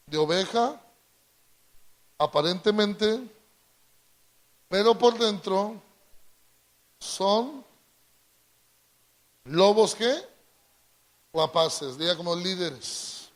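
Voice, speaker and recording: Slow, high-voiced Latin American preacher. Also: male voice. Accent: Latin American Spanish. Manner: drawn-out emphatic delivery, prompts congregation to repeat. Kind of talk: call-and-response sermon.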